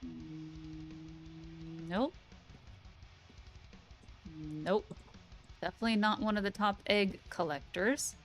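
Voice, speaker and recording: With soft music playing behind her, a weary female game streamer closes out her live stream in a relaxed, rambling chat full of fillers. She has a deep voice, speaks slowly and pauses often.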